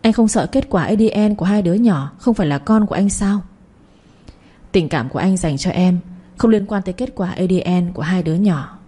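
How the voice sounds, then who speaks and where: A woman's voice: on the low side, animated, brisk, mellow, breathy edge. A woman reading the lines of a middle-aged man who insistently pleads with an old love in an audio story. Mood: pleading.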